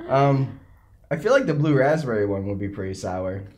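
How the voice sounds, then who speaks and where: A woman's voice: extremely low pitch, expressive, moderate pace, darkish tone. A woman hosting a casual taste test, chatting while she sucks on sour candy. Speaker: host of a candy tasting video.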